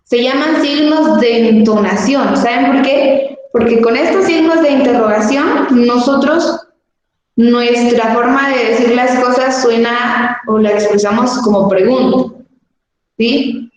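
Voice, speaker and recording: Slow-spoken woman teacher in an echoey room. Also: fairly high pitch. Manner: patient, explanatory, asks rhetorical questions. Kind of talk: classroom lesson reading from a textbook. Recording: echoey room with long reverb and faint noise.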